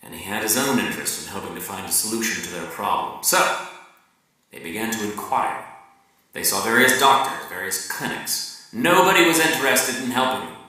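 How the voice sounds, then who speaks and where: Like a raconteur's monologue, this man's reading of a novel passage is theatrical and dramatic, using deliberate pauses and shifting from hushed tones to emphatic ones. His fairly low voice is expressive. The recording places him far from the mic in a room with echo.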